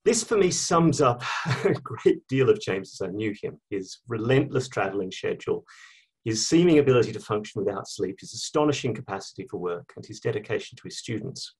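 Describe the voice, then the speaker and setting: A man with an Australian accent giving a prepared tribute speech at an academic panel, telling anecdotes in a measured way with occasional fillers. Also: lowish voice, very animated, husky.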